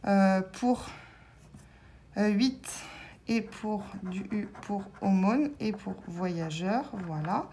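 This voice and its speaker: A woman's voice: medium pitch, extremely slow, warm tone, slight background noise. A woman vlogger commenting casually and hesitantly as she scratches lottery tickets, spelling out letters with many fillers.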